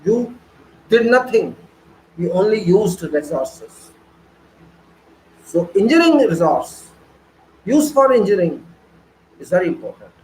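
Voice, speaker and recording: Emphatic, preachy high-voiced male lecturer. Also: big pitch swings, a little slow, pauses often, a little mellow, echoey room, slight background noise, rough recording. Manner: emphatic, preachy, full of rhetorical questions and repetition. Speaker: engineering lecturer. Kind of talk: online lecture.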